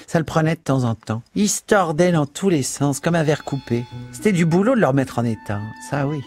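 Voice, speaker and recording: A man putting on a shrill, bossy cleaning woman. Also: animated, fairly quick, soft background music, close to an everyday voice. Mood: gossiping. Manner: high, loud and scolding. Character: brassy middle-aged cleaning woman, nosy and bossy. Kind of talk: audiobook character voice.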